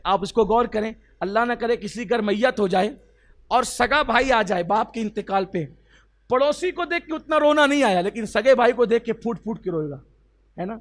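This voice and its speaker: High pitched guy preaching, urdu accent, gets loud then goes soft, keeps asking the crowd questions. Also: lively intonation. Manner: emotional, swells to loud exclamations and drops to soft; asks the audience rhetorical questions. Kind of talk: sermon storytelling.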